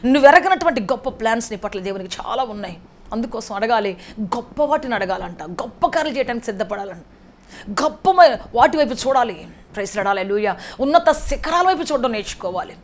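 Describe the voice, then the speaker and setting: A woman preaching a sermon with fervor, often breaking into repeated praise and building to loud, impassioned prayer. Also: fairly high pitch, animated, fast. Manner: fervent, repetitive exclamations of praise.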